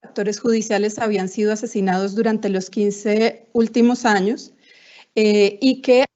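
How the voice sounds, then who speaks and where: A woman's voice: mid-range voice, fairly even intonation, measured pace, warm tone. A woman giving a formal webinar presentation over a video call, her audio choppy and breaking up on a bad connection. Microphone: computer mic on a video call. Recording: muffled, cutting-out internet call.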